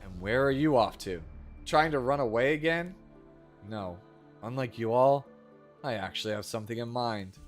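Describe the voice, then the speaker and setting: A man's voice: mid-range voice, voice pushed down, close to an everyday voice. A man doing amateurish voice acting as a stern, curt fugitive in fantasy game dialogue, reading it aloud. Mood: guarded, curt. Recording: loud game music behind.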